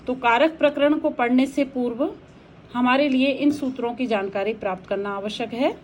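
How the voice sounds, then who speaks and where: A woman teacher giving a recorded lecture on Sanskrit grammar, explaining each rule slowly with examples. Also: sits high, a little mellow, slight background noise, poor audio. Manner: slow, methodical explanation of rules with examples.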